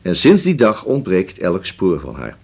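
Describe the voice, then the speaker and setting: An actor playing a shrewd police inspector who questions slowly and keeps humming to himself. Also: male voice, sits low, huge pitch swings, vocal fry, darkish tone, breathy edge, exaggerated voice. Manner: slow, probing, drawn-out with many hums. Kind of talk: radio drama acting.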